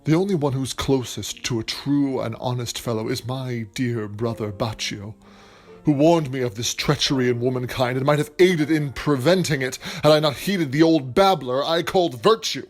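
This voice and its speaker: Faint music plays behind a man with a mid-range, everyday-sounding voice at a moderate pace. He plays a passionate, grandiloquent playwright scheming for material in a period audio drama, brooding and vengeful. His delivery is florid, declamatory and earnest, like theatrical period stage-play acting.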